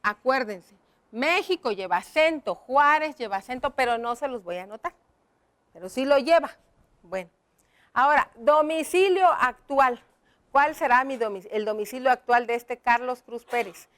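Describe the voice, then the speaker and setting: Woman teacher, high pitch, slow explanatory delivery for young pupils. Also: lively intonation, fairly bright tone. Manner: slow, explaining step by step, addressing children. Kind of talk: classroom lesson.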